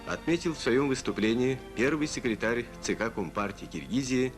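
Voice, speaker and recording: A man's voice: medium pitch, lively intonation, moderate pace. A man narrating an old newsreel in a formal, solemn, declamatory way, over music.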